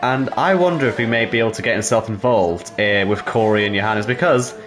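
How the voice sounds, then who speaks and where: A man with a lowish voice breaks down pit strategy and standings. His humour is dry and understated. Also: brisk, a bit bright, faint music behind. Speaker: race commentator. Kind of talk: live sim racing commentary.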